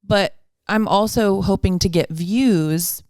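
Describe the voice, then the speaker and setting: A woman's voice: mid-range voice, slow pace, darkish tone, dry recording, studio quality. A woman in her fifties co-hosting a podcast in casual chat, joking at her own expense and laughing often. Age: 50s. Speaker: podcast co-host.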